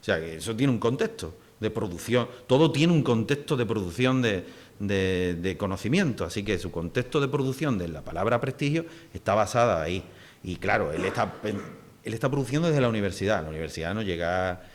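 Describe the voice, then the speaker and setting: A man's voice: on the low side, lively intonation, fairly quick, slight background noise. A middle-aged man from Huelva with an Andalusian accent, giving a public linguistics lecture in a casual, digressive way with many fillers and restarts. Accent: Andalusian Spanish. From Huelva, Spain.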